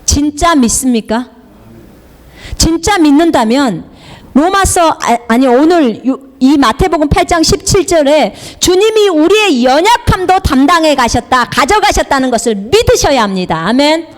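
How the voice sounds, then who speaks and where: A woman's voice: sits high, lively intonation, moderate pace. A middle-aged woman missionary preaching a sermon, repeating key phrases emphatically and leading the congregation in call-and-response.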